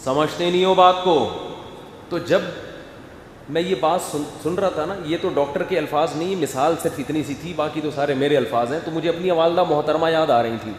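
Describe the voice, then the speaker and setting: Male preacher, animated, echoey hall, faint room ambience. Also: fairly high pitch, a little hiss or hum. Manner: animated, acts out family scenes. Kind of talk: sermon.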